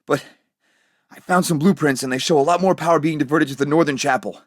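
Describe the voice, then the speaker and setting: An actor playing Captain America, a heroic and determined American soldier, delivering terse, earnest video game lines. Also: male voice, on the high side, fast talker, dry recording, clean studio sound, lightly acted. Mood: focused, determined.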